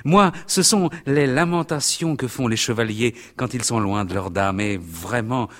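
A man's voice: medium pitch, measured pace, lightly acted. A man voicing a shy, earnest young girl, the innkeeper's daughter, in an audiobook. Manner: timid, earnest.

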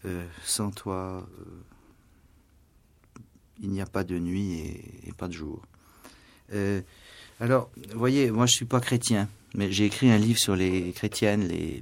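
A writer and translator sits in a radio studio for a musing, literary interview, his voice low and creaky. He hesitates, fills gaps with fillers and stammered restarts, and sometimes trails off into soft, near-whispered asides.

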